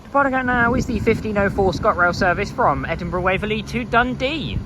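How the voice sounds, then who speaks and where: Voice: medium pitch, expressive, brisk. A video host giving methodical trainspotting commentary, spelling out services and numbers. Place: railway station platform. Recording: noisy outdoor station ambience.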